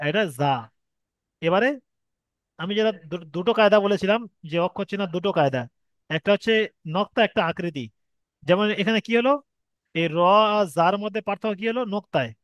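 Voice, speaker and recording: A high-pitched man with a Bengali accent patiently teaches Arabic letter reading step by step in an online Quran lesson, extending sounds to demonstrate them. The recording is dry, and its highs are cut off.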